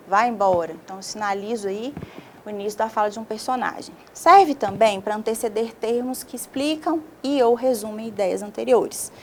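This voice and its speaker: A woman's voice: a little high, slight background noise. A woman, a teacher explaining a video lesson step by step and checking in often with her students. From Brazil.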